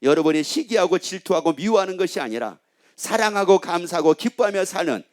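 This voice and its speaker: Male pastor preaching, high voice, swings up and down a lot, asks questions and repeats himself. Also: expressive, fairly quick. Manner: rhetorical questions and repetition. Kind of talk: sermon.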